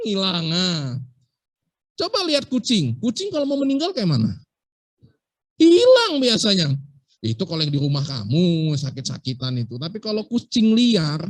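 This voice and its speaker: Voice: medium pitch, no echo. A medical school lecturer giving a casual, playful lesson and often asking the class rhetorical questions.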